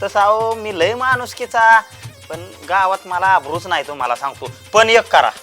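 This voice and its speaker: A man's voice: high-pitched, animated, normal speed, pushed and bright, faint music behind. Man playing a scheming village meddler. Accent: rural Marathi. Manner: wheedling, egging others on. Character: scheming village man stirring up women's feud. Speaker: village troublemaker. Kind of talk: village comedy sketch acting.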